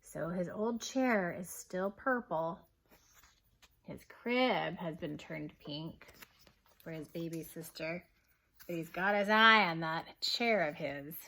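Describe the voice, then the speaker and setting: In a low-quality recording, a woman with a fairly low pitch reads a picture book aloud to young kids. A kindergarten teacher, she's gentle and expressive, pausing to ask them questions.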